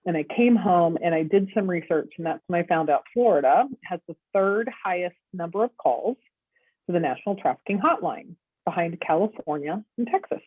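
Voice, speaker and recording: Woman, middle-aged, podcast guest, lively storyteller, plays out quotes, tinny phone-like audio. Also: fairly low pitch, normal speed, breathy edge, dry recording. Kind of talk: storytelling interview.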